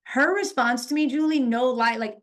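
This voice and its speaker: A woman talking as a poker pro guest in a casual podcast interview, telling lively stories and acting out what people said. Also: high-pitched, moderate pace. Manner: animated storyteller, acts out quoted dialogue.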